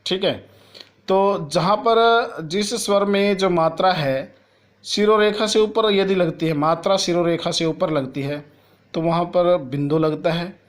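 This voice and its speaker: A man teaching a school grammar lesson to children. He asks a question and then answers it himself, and he spells out sounds one at a time. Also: a little high. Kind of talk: classroom lesson explaining Hindi grammar to children.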